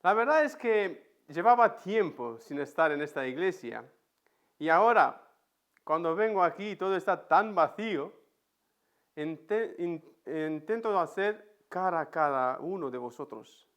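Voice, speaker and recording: A man's voice: a little high, animated, unhurried, fairly bright tone. A man with an accent from Spain, preaching a sermon in an empty church and telling a personal story vividly. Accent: Spain Spanish. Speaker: pastor.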